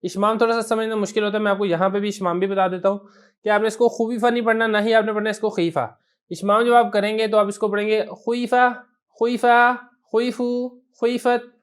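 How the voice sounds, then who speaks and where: A man's voice: sits high, smooth. A man with a Pakistani Urdu accent teaching a grammar lesson, patiently spelling out word forms one at a time.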